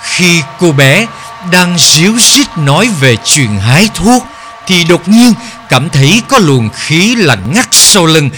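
A man narrating a horror story in a slow, dramatic storytelling manner. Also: a little high, sing-song, a bit bright, faint music behind.

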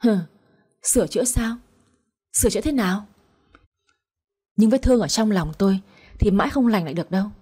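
A woman voicing a cold, vengeful husband who speaks harshly and with scorn, in a soft, somewhat breathy voice. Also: mid-range voice, fairly quick, pauses often, lightly acted. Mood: furious. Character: cold, vengeful husband, a man in his thirties.

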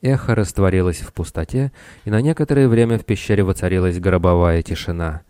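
A man narrating an audiobook in a measured storytelling manner. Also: low-pitched, dark tone, clear, resonant tone, no room sound. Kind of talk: scripted narration.

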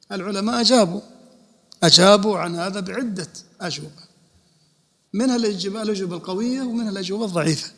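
A man's voice: high-pitched, creaky, fairly bright tone. A man, an Islamic scholar, giving a religious lesson and explaining rulings by posing and answering his own questions. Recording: long hall reverb.

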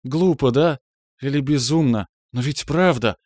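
A man voicing an excited teenage girl, the younger sister, who chatters eagerly in a recorded audiobook story. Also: medium pitch, measured pace, dry recording, studio quality, pitched above the performer's own voice, close to an everyday voice.

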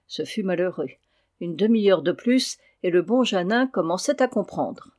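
A reader narrating a classic historical novel in a steady, measured audiobook style. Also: mid-range voice.

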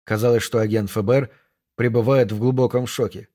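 A man reading a thriller audiobook in a measured, even storytelling manner. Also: mid-range voice. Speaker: audiobook narrator. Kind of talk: scripted narration.

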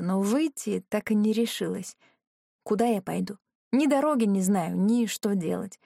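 A woman reading a first-person fantasy audiobook in a measured, earnest way. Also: medium pitch, a little mellow, no room sound, studio quality. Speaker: audiobook narrator.

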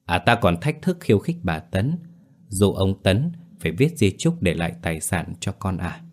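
Male horror narrator, very low and heavy voice, grave dramatic delivery. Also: big pitch swings, moderate pace, a little mellow. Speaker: storyteller. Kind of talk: scripted horror story narration.

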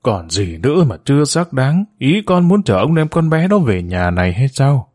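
A man's voice: medium pitch, sing-song, moderate pace, darkish tone. A man voicing a grieving, jealous middle-aged mother who scolds with bitter resentment in a storybook reading. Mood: bitter, tearful.

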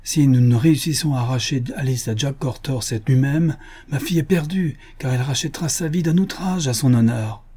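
A man's voice: medium pitch, fairly quick, warm tone, slightly rough, pitched above the performer's own voice, close to an everyday voice. A man voicing an old father who pleads and weeps for his daughter in a read adventure story. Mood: pleading. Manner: raised, tearful pleading.

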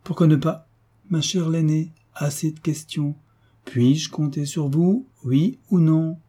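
A man's voice: on the high side, fairly even intonation, takes it slowly, warm tone, husky, voice pushed up. Man reading a commanding young heiress. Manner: firm, clipped orders. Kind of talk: audiobook character reading.

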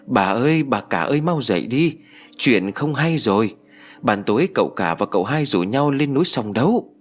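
A man's voice: lowish voice, drawn-out words, a bit bright, clear, resonant tone, soft background music. A man voicing a frightened young servant girl who sounds close to tears and pleads urgently. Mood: frantic. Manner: tearful, pleading.

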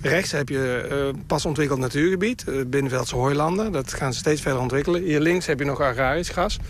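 A man's voice: fairly high pitch, brisk, slight background noise. A man who is a bird sound expert, explaining in the open air and sometimes imitating bird calls. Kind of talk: explaining in a field report. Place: outdoors in open grassland.

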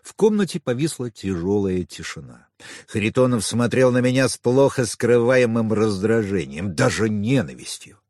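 Man narrating an audiobook, low voice, lively intonation, dry close recording. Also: normal speed, no room sound. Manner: dramatic, expressive reading. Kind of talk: scripted first-person narration.

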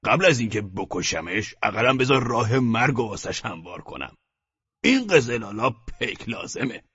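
A male narrator voicing an eccentric, rambling adult male friend who drinks port wine, delivered in a whimsical, excitable manner for a dull lo-fi audiobook. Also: slightly rough. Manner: whimsical, excitable, raises voice higher than the narrator.

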